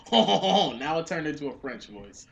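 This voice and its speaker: A man's voice: fairly high pitch, vocal fry, dull audio. A young man co-hosting a casual podcast, wry and teasing, playing at being offended. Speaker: podcast co-host.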